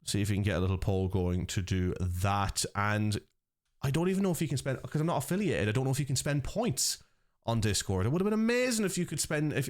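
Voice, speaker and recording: An Irish man casting and running a live esports stream, chatting and joking with viewers in a lively way over faint background music. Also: medium pitch. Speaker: esports caster and organiser.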